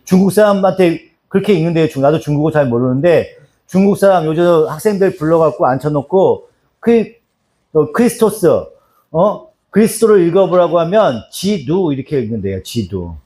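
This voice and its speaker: Lively-pitched pastor quizzing his flock. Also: normal speed. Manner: repetitive, drills answers and calls on people by name. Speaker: pastor teaching doctrine. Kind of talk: church Bible lesson, quizzing listeners. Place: small church.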